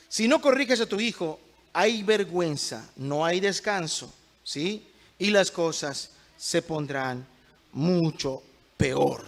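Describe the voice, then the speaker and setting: A man's voice: a little high, expressive, slow, long pauses, a bit bright. A man preaching a sermon to a congregation, emphatic, often asking questions and waiting for the answer.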